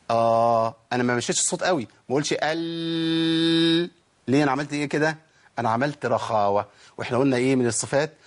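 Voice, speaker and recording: A man with an Egyptian accent teaching a tajweed lesson, asking his listeners questions and demonstrating each sound. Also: medium pitch. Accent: Egyptian Arabic. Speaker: Quran recitation teacher.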